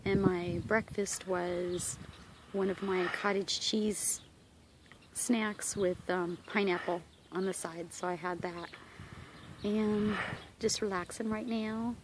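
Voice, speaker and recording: A woman vlogger talks slowly in a slightly low voice, rambling casually through a personal update. Her manner is relaxed and affectionate. She is recorded outdoors on a handheld device, with clear noise in the recording. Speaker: vlogger giving a daily fitness update. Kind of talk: casual rambling video diary. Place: outdoors at a horse property, sitting on the ground. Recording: noisy outdoor amateur recording.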